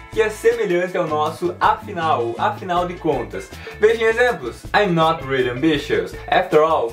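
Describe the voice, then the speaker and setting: Male English teacher, clear and didactic; slightly high voice, a little off-mic over faint guitar. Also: far from the mic. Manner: clear and didactic, repeats words slowly. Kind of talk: language lesson.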